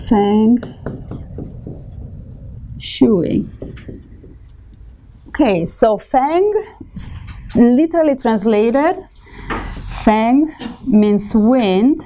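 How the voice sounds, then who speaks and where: Woman, Italian accent, instructor, casual lecture, warm mellow tone, self-correcting. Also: a little high, expressive, slow pace, long pauses, a little hiss or hum. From Italy. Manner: conversational teaching with frequent ums and self-corrections. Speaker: feng shui instructor. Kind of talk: live lecture to students.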